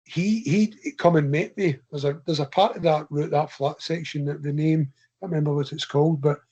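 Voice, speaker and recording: A man's voice: a little high, fairly even intonation, normal speed, dark tone, husky, muffled recording. Chatty Scottish man telling a long story. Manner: long rambling anecdotes told in his own voice. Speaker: guest ultra runner. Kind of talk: casual podcast interview.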